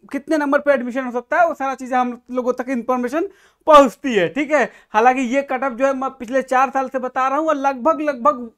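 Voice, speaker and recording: High-voiced man explaining at a board. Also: fairly bright tone, clean tone. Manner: direct, repeatedly checks in with listeners. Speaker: admissions guidance YouTuber. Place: room with a whiteboard.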